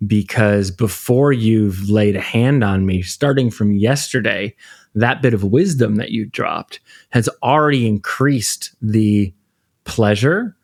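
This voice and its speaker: A man's voice: on the low side, slow pace. A man hosting a podcast interview, talkative and playful, who jokes and laughs with his guest. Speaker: podcast host. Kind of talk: casual interview.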